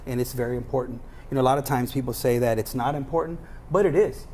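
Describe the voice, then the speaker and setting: A man's voice: mid-range voice, fast talker, dark tone, a little hiss or hum. A man running for sheriff, speaking earnestly in an interview and listing his credentials plainly. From United States. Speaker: sheriff candidate. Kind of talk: campaign pitch in interview.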